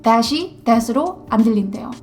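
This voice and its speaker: A woman's voice: a little high, animated, slow, faint music behind. A woman YouTuber giving a casual lesson on English listening, speaking straight to her viewers and mimicking English pronunciations to compare them.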